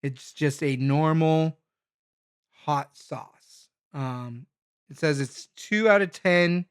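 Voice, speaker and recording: A somewhat high-voiced man talking his way through a hot sauce taste test. He rambles and thinks aloud, filling the gaps with frequent ums and restarts in a loose, casual vlog manner. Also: animated, slow, smooth. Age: adult parent.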